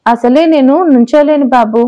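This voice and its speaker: A woman's voice: high-pitched, steady tone, normal speed, muffled recording, close to an everyday voice. A woman voicing a playful, teasing young wife in an audio story. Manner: teasing, pouty. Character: playful pregnant young wife, mock-sulky.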